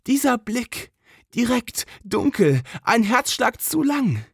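Romance audiobook narrator: expressive, slightly husky, very dry close recording. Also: medium pitch, dry recording. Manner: emotive, lingering pauses.

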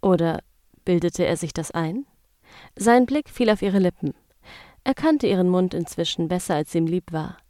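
A woman narrating a romance story in a slow, intimate, hushed storytelling manner. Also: fairly low pitch, lively intonation, no room sound, studio quality.

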